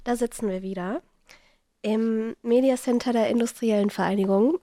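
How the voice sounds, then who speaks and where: An Austrian woman hosts a podcast in a casual, conversational way. Her voice is on the high side and nasal with congestion, recorded dry with very little room sound. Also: fairly even intonation, normal speed, warm tone, no room sound. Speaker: podcast host.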